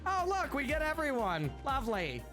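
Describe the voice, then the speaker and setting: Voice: high voice, wildly swooping pitch, normal speed, music in the background. A game streamer who reads the story aloud and gives casual commentary on it.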